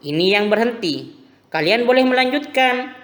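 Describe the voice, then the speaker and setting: A man teaching a recorded religion lesson to primary school pupils, explaining slowly and patiently. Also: very high voice, lively intonation, fairly bright tone, long reverb tail. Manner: slow, patient explaining to children.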